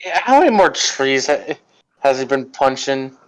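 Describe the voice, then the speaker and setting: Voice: medium pitch, big pitch swings, normal speed, poor audio. A tabletop game player chatting casually, hesitant and bemused, feeling out what to say in character. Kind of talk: casual chat.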